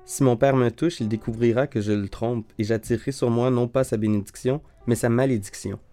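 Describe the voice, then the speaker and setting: A man's voice: mid-range voice, fairly even intonation, brisk, warm tone, faint music behind, close to an everyday voice. A man reading the part of a younger son, hesitant and then falsely bold. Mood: uneasy. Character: younger son Jacob, nervous deceiver.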